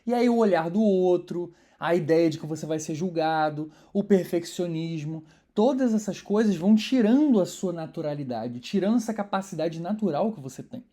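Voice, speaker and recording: Woman, poetry course teacher; low, dark voice, conversational delivery. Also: expressive, moderate pace, few pauses. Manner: conversational, explanatory, stresses syllables while scanning verses. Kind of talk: online course lesson.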